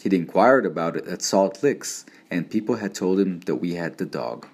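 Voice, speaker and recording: A man narrating an audiobook in a steady, measured storytelling manner. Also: deep voice, breathy edge.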